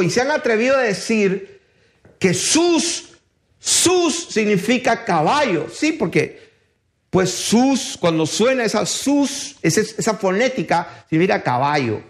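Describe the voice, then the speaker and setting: A middle-aged man preaching a sermon in an emphatic way, putting rhetorical questions to his congregation. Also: high voice.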